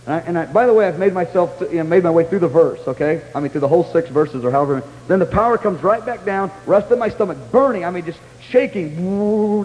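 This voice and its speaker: Excited high-voiced man preaching in a hall. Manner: animated storytelling, breaks into high excited exclamations. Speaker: pastor. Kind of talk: sermon testimony.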